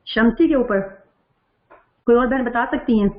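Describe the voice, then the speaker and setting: A woman's voice: fairly high pitch, phone-quality sound. Patient woman teaching an echoey online class. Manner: patient, asks questions and reads out students' answers. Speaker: Quran recitation teacher. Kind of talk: online class reviewing the last lesson.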